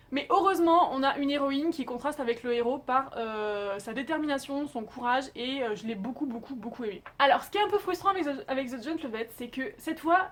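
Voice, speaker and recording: A young woman chatting casually as she reviews TV dramas, emphatic, with frequent filler sounds. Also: high-pitched.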